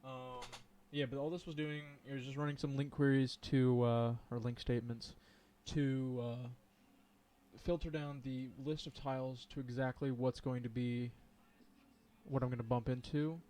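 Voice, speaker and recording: A man's voice: medium pitch, little pitch movement, normal speed, warm tone, a little hiss or hum. A man streaming live as he codes, thinking aloud and chatting with viewers, with plenty of ums and hesitations. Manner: rambling, thinks aloud, says um a lot; chats and laughs with viewers. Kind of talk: live coding stream commentary.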